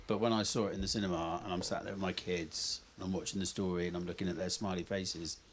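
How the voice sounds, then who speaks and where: A man's voice: low-pitched, fairly even intonation, fast, slight background noise. A man interviewing a panel at a live event, chatty and telling anecdotes. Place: event in front of an audience.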